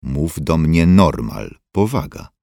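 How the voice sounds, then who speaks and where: A man voicing a self-assured male cousin who boasts and protests loudly. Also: extremely low pitch, sing-song, takes it slowly, creaky, no echo, studio quality, exaggerated voice. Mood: mocking. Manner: boastful, indignant.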